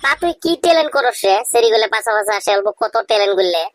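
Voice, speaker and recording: In a comedy cartoon, a man voices a skeptical young village friend who needles others, using a rural Bangladeshi accent and a pitched-up voice. His delivery is lively, racing, and a bit bright.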